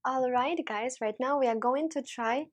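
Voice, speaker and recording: A woman's voice: high-pitched, moderate pace. A young woman hosting a casual food-tasting vlog, savoring each dish with appreciative hums and enthusiastic praise. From Ukraine. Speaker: vlog host.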